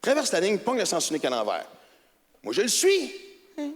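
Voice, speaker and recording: A middle-aged Québécois comedian tells his story in an animated, colloquial way, his voice high and very expressive. He moves between muttered asides and shouts. A handheld mic picks him up in a big reverberant hall with the crowd faintly behind. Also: a little fast. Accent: Québécois French. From Quebec. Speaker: stand-up comedian. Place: large theatre stage with audience. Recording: hall reverb with audience ambience.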